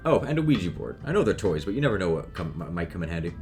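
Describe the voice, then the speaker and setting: A man reads an eager young ghost hunter from a story game. He rattles off equipment with excitement in a deep, low voice. Faint music plays underneath. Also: rapid-fire. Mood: excited.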